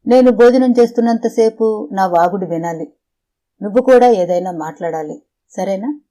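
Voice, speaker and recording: A woman's voice: medium pitch, moderate pace, dark tone, close to an everyday voice. A woman reading a lonely, talkative middle-aged father in an audiobook, her voice rising and falling as he rambles in fits and starts. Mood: lonely pleading.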